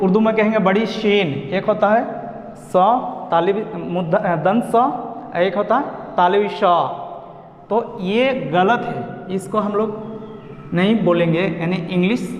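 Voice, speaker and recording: A man with a Bihar accent teaching an online lesson, explaining pronunciation slowly and repeating himself. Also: sits high, fairly even intonation. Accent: Indian, Bihar. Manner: slow, repetitive explaining of pronunciation. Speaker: English teacher. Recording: echoey room with long reverb.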